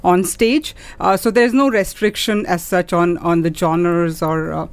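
A woman answering as an interview guest, in halting phrases with many pauses. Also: lowish voice, steady tone. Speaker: interview guest, theatre festival organiser. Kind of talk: conversational interview.

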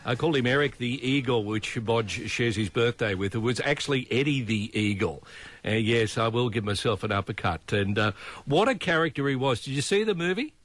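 A man's voice: medium pitch, lively intonation, fairly quick, a bit bright. A man with an Australian accent hosting breakfast radio in a matey, jokey, slangy way. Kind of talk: upbeat radio chat and links. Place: radio studio.

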